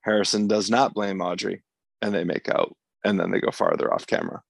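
A man's voice: low-pitched, wildly swooping pitch, brisk, vocal fry, no echo. A man co-hosting a podcast, recapping the plot of a TV episode in long, casual runs and laughing easily. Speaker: podcast co-host.

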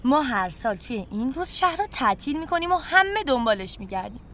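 A woman's voice: high voice, big pitch swings, a bit bright. A chatty cartoon townswoman.

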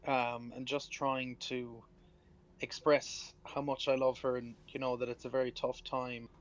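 On a muffled phone line, an Irish-accented man speaks earnestly and conversationally as a musician guest on a radio call-in interview. His mid-range voice moves little in pitch and he takes his time.

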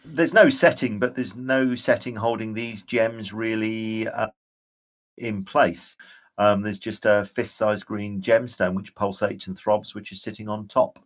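A man running a tabletop role-playing game as game master, describing scenes in a halting way. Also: on the low side, fairly even intonation.

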